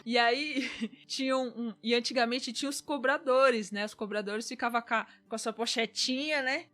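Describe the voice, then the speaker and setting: A woman telling stories on a podcast, lively and quick to laugh. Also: fairly high pitch. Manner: lively storyteller, laughs often. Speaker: podcast co-host, actor. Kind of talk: casual chat.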